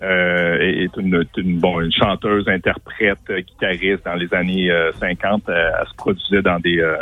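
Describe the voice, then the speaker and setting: Homme québécois au téléphone, voix grave. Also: male voice, deep voice, little pitch movement, moderate pace. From Morocco. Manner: hesitant, many fillers and restarts. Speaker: guest singer. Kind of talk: casual radio interview. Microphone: phone line. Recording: tinny dry phone line.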